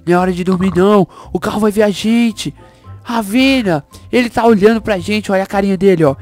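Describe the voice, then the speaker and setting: A woman voicing an excitable baby boy speedster hero in a Minecraft roleplay, bossy and frantic, shrieking when scared. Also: mid-range voice, brisk, soft background music, lightly acted. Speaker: channel host.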